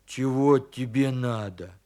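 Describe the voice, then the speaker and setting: Man doing a bear cub, storybook, scared, blustering, shouty, slow delivery. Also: mid-range voice, pitched below the performer's own voice, lightly acted. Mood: scared, shouting. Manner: shouty, defensive. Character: frightened little male bear cub, blustering. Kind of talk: storybook reading.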